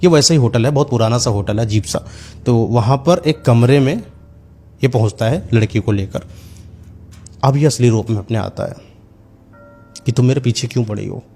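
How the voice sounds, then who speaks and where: A man's voice: medium pitch, moderate pace, pauses often, mellow. A man narrating a horror story in a loose, conversational way, with frequent fillers.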